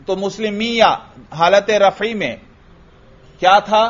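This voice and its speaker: A man's voice: high-pitched, steady tone. A man teaching an Arabic grammar lesson to a class. He asks his students questions, answers them himself and repeats the key words. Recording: dull lo-fi lecture recording.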